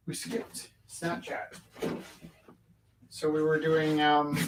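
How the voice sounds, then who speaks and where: A man's voice: a little high, background noise. A man co-hosting, chatting casually in a rambling, matter-of-fact way. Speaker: co-host and teacher. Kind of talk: casual chat.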